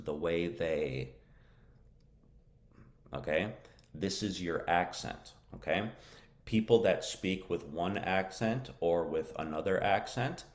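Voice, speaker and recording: A man with a deep, low voice teaches a lesson on a live stream. His delivery is casual, and he keeps checking understanding with "okay?" while sprinkling in Arabic words for his learners. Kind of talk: live-streamed English lesson with viewer questions.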